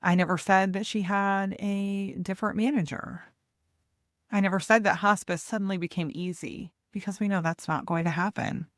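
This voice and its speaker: A woman hosts a reflective, encouraging solo talk in a very dry, close recording. She speaks gently and deliberately at a medium pitch. Pauses fall between her phrases as she guides the listener. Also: steady tone, dry recording. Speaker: podcast host and hospice nurse coach.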